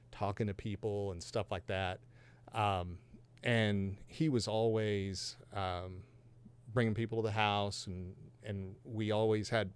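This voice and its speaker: Man, 50s, from Georgia and Texas; podcast guest giving his testimony; low, resonant, earnest and reflective with dry self-deprecating humor. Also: smooth. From Georgia and Texas, USA. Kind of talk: personal testimony in a podcast conversation.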